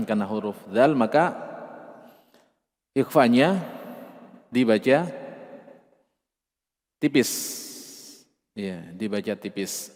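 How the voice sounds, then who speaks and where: A man with an Indonesian accent teaches Quran recitation at an unhurried pace, stretching out chanted examples for his students. His voice sits at a middle pitch and carries a long, ringing reverb from the room. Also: darkish tone. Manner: patient, repeats drawn-out chanted words for students. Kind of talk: tajwid lesson with chanted examples.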